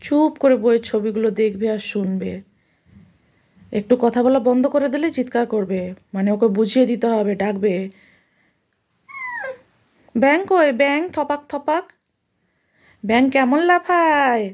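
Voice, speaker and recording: A young woman reading a picture book to her toddler, making animal sounds in a sing-song way and stopping now and then to explain calmly. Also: a little high, normal speed, long pauses. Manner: turns aside to explain calmly. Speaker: mother.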